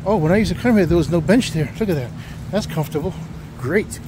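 A man's voice: sits high, animated, fast talker. Chatty middle-aged man on a walking tour. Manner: chatty, greets passers-by. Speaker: vlogger giving a walking tour. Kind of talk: casual walking-tour narration. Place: outdoors on a windy waterfront causeway park. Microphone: handheld camera while walking. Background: faint wind and outdoor ambience.

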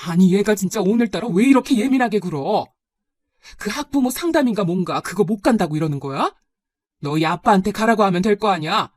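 A woman's voice: medium pitch, animated, a little fast, darkish tone, no echo, studio quality, lightly acted. A woman voicing a busy, defensive working mother in a told story, with a scolding, indignant manner. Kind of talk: storybook narration.

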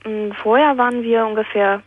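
A woman's voice: fairly high pitch, fairly even intonation, normal speed. An 18-year-old woman calling a radio show, nervous and rambling, tagging sentences with little asides. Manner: nervous, rambling, fills with "ne?" and acted-out quotes. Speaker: caller. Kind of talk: telling a personal story on call-in radio. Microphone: telephone. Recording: tinny phone line.

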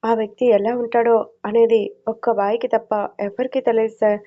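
A woman's voice: fairly high pitch, little pitch movement, moderate pace, highs cut off, close to an everyday voice. A woman voicing a defiant male gang henchman in an audio story. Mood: fearful.

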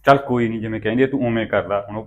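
Actor as a peacemaking husband: soothing, rapid delivery. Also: male voice, lowish voice, steady tone, muffled recording, lightly acted. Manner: soothing, conciliatory. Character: easygoing husband and elder brother. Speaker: actor in a village family drama.

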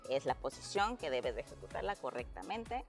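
A young woman personal trainer explains exercise tips outdoors in a park, upbeat and clear. Her voice sits a little low, picked up on a lapel mic with faint music beneath. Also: sing-song, a little fast. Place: outdoor park workout area.

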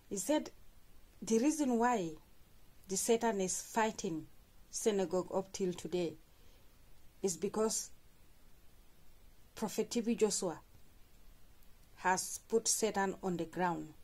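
A woman's voice: mid-range voice, unhurried, pauses often, dark tone. A woman hosting a fan channel, talking viewers through church clips and repeating what was said. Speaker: channel host commentator. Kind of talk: reaction commentary.

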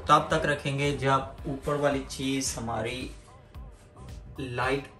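A man's voice: medium pitch, steady tone, slow pace, pushed and bright. A man hosting a home cooking video, chatting casually and explaining each step to viewers. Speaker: cooking vlog host. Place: home kitchen. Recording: echoey room with background music.

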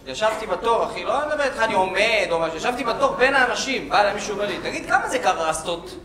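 A man's voice: sits high, lively intonation. A man doing a stand-up comedy set on a club stage, telling stories and acting out the dialogue in raised voices. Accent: Israeli. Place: club stage before a live audience. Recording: roomy club sound with crowd laughter.

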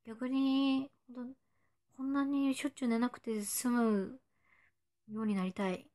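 Young female idol, twenties, slightly high voice, playful livestream chatter, drops into whispers now and then. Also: level tone, a little slow, dark tone. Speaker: idol streaming to fans. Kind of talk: casual livestream chat reading viewer comments.

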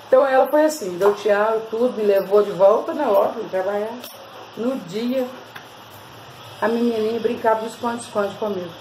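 A woman's voice: a little high, normal speed, pauses often, a little mellow, a little hiss or hum, rough recording. A Brazilian woman vlogger, chatting with her viewers as she tells a story and shares a hair-care tip. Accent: Brazilian Portuguese. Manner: chatty, constantly addresses viewers.

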